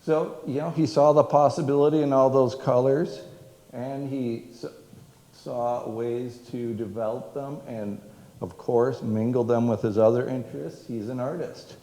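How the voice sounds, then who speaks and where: At a measured pace, a man speaks in a steady, dark, medium-pitched voice. He is a museum director giving a history talk to an audience in a museum event room, full of rambling, fillers and restarts, recorded in an echoey hall with long reverb.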